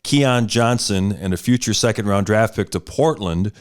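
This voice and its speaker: Smooth-voiced male podcast host. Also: fairly low pitch, moderate pace. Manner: reads news items, then puts a question to his guest. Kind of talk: podcast interview.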